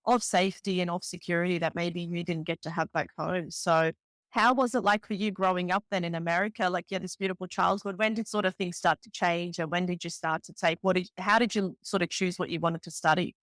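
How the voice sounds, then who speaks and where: A woman's voice: lowish voice, fairly even intonation, a little fast, a bit bright, no echo. Enthusiastic woman hosting a podcast. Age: 30s. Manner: enthusiastic, chatty, swears casually. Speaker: podcast host. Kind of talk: casual interview chat.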